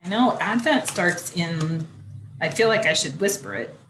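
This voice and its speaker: A woman pastor talks through church news in a relaxed, explanatory way. Her voice sits low, and the room around her rings with noticeable echo. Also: measured pace, noisy background. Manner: steady, explanatory church announcements. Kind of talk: casual chat. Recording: echoey room.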